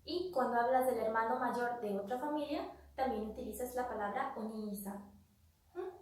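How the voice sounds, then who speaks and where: Woman teacher going over vocab, repeats words slow and patient, higher voice, roomy echo, a bit off mic. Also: darkish tone, distant mic, a little hiss or hum. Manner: patient, repeats each word slowly. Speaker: Japanese teacher. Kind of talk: vocabulary lesson. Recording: echoey room, voice off-mic.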